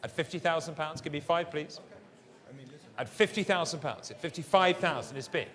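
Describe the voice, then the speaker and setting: A man's voice: a little high, moderate pace, fairly bright tone. A man working as a fine art auctioneer, calling and repeating bids in polished, courteous patter in a large saleroom. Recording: long reverberant hall sound.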